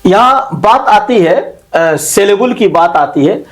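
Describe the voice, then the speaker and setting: In a classroom, a literature teacher whose voice sits high and has lively intonation lectures at a slow pace. He defines every term and restates it in Hindi, with frequent pauses and self-corrections along the way.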